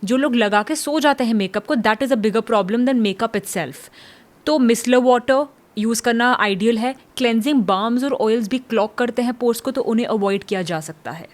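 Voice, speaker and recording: A woman dermatologist explaining skin care calmly, giving advice and mixing in English medical terms. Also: a little high, normal speed. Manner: calm, advisory, mixes English terms.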